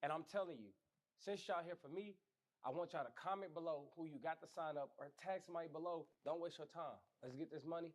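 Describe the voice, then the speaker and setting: A man's voice: on the high side, quick pace. A man hosting a casual chat, playful and slangy, joking with his guest. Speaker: host.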